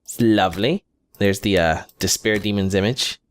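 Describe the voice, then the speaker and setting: A man's voice: fairly low pitch, normal speed. Congested man chatting over gameplay. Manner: chatty, rambling, laughs often. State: congested from hay fever and hiccups. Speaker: let's play host. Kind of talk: casual gameplay commentary and reading codex entries aloud.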